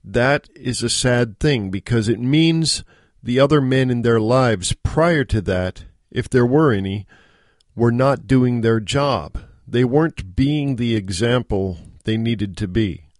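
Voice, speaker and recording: A middle-aged American man hosting a solo podcast, speaking in an earnest, measured, exhorting monologue. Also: medium pitch, dry recording, studio quality. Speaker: podcast host. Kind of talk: solo monologue on self-improvement.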